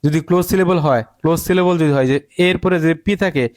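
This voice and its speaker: Man teaching spelling, slightly high voice. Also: darkish tone. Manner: repeats words and asks rhetorical questions; sounds out words slowly, syllable by syllable. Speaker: English teacher. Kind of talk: spelling and pronunciation lesson.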